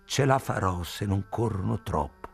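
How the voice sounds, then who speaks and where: A man reading aloud, voicing a loyal rickshaw man who pleads in a high, loud, shouting voice. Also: expressive, normal speed, creaky, husky, soft background music, full character voice. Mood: grim resolve.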